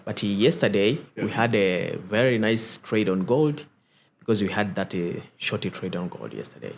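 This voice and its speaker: A man's voice: lowish voice, big pitch swings, normal speed, vocal fry, slight background noise. Man, Swahili speaker. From Tanzania. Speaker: guest, trading educator.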